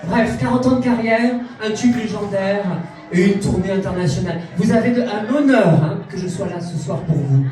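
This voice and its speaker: A man's voice: high-pitched, normal speed, a little mellow. A man playing a vain camp stage diva. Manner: grandiose, self-mocking, camp delivery. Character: vain self-proclaimed international diva, female persona. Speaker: drag cabaret performer. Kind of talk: cabaret stand-up in character. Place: cabaret club stage before a live audience. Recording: distant echoey club sound with crowd.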